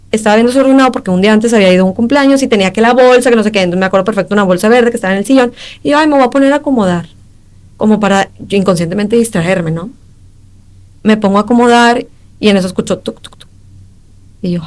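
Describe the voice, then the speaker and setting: A young woman with a Mexican accent, a podcast guest giving an emotional personal testimony in halting speech, acting out the exchanges she recalls. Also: medium pitch. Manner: emotional, halting retelling that acts out quoted exchanges.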